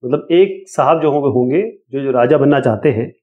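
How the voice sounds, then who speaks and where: A man explaining an exam lesson to students in a casual, explanatory way, reading questions out slowly. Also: medium pitch. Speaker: teacher. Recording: tinny, phone-like sound.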